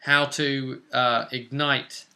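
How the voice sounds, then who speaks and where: A British man casually recounting a tabletop role-playing session in a rambling, animated way. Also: mid-range voice, slow, creaky. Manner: rambling, animated storytelling with fillers. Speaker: podcast host recapping a tabletop game session. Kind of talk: casual recap chat.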